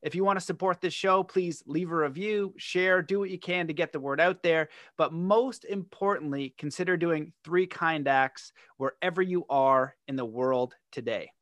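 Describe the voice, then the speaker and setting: A man's voice: on the high side, normal speed, few pauses, fairly bright tone, no echo. A man hosting a podcast, talking in an earnest, promotional way with many fillers. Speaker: podcast host. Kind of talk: podcast intro and interview.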